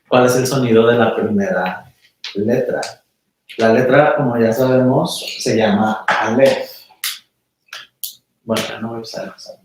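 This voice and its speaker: A man lectures a small class in a casual, chatty way, stopping now and then to check that they follow. His voice sits at an ordinary pitch. It is picked up from across a very echoey room. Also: slight background noise. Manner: relaxed, conversational, asks the class questions. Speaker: meditation teacher. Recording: very echoey room, mic far off.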